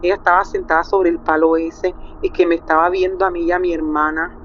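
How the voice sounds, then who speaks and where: A middle-aged Colombian woman with a Colombian accent calls in to tell a personal story with emotion, acting out the quotes. Her voice is on the low side, a little fast, with a flat delivery. The call sounds muffled, with a faint hiss.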